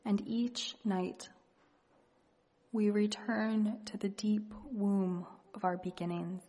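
Slow, hushed woman in a reverberant hall. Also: medium pitch, steady tone. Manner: hushed, gentle, unhurried with long pauses. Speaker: meditation leader. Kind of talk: guided meditation and reflective poetry reading. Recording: long reverberant hall echo.

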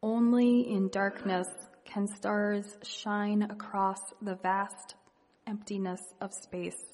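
A woman leading a guided meditation and reading reflective poetry in a hushed, gentle, unhurried manner with long pauses. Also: medium pitch, level tone, slight background noise. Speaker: meditation leader. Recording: long reverberant hall echo.

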